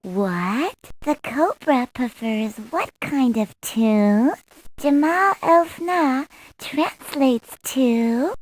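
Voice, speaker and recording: A woman voicing a sweet young cartoon princess in a video game, reading scripted quiz questions in a deliberate, clearly enunciated way. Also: a little high, exaggerated voice, rough recording. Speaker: quiz character voice in an educational game.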